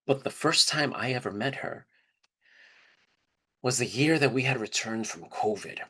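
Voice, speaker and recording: Unhurried and expressive, a medium-pitched man with a sharp tone performs a dramatized first-person narrative, with slight background noise. He tells it informally and reflectively, as conversational storytelling, and acts out the quoted dialogue.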